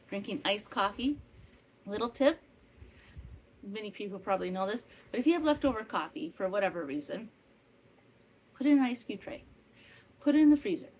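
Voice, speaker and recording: With a mid-range, slightly mellow voice, a northwestern Wisconsin woman in her fifties hosts her own casual podcast at home, animated and at normal speed, pausing often and rambling through asides and self-corrections. A fan hums faintly in the summer heat on the rough recording.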